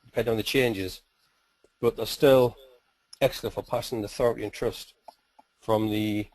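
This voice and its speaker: A man teaching search-engine tactics in a steady, explanatory webinar style. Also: fairly low pitch, normal speed, dry recording, poor audio. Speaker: SEO trainer.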